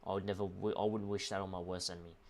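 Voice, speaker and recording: Emotional young man, low voice. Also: flat delivery. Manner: earnest, halting, repeats "bro" and "man". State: emotional, close to tears. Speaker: livestreamer. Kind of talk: emotional heart-to-heart with a viewer on stream.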